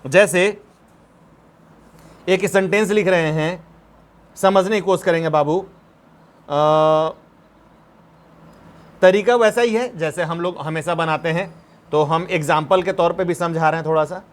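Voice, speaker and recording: A man's voice: on the high side, measured pace, pauses often. A man teaching a grammar lesson, patiently dictating examples word by word and asking the students questions. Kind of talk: grammar lesson, explaining step by step.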